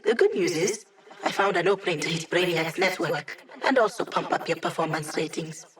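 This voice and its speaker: A woman's voice: lowish voice, fairly quick, close to an everyday voice. A woman playing an upbeat, wry young female hacker living as data, giving casual, teasing mission support in a video game. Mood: wry, playful. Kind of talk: video game voice lines over comms.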